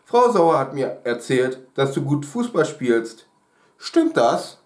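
A man voicing a brisk male teacher in a read-aloud story, inviting and direct. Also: mid-range voice, big pitch swings, a little mellow. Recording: roomy echo.

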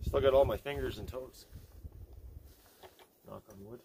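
With a mid-range voice and measured pace, a man in his forties hosts a laid-back, folksy chainsaw maintenance demo in a snowy yard, thinking aloud with fillers. The outdoor camera audio has clear background noise, and his distance from the mic varies.

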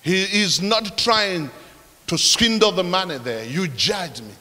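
A man voicing a stern divine male voice that slowly and quietly repeats a rebuke. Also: high voice, lively intonation, heavily acted. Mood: stern, hushed. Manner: slow, hushed, repeated reproach. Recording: long hall reverb.

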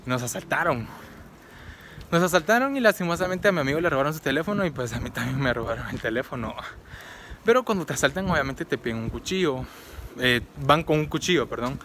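Young male vlogger, casual rambling chat, bright tone, faint background hiss. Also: on the high side, animated, fairly quick. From Guatemala. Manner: chatty, rambling with fillers and restarts. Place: out and about, market and home.

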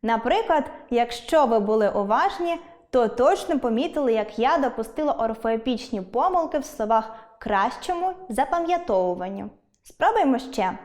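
A woman teaching an online school language lesson, speaking clearly and deliberately and stressing her example words. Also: fairly high pitch, lively intonation, darkish tone.

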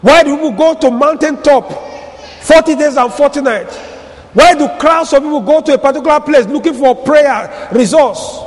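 High-voiced man preaching in a reverberant hall. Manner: emphatic preaching, drawn-out stressed words, bursts of shouting. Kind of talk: sermon. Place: church hall.

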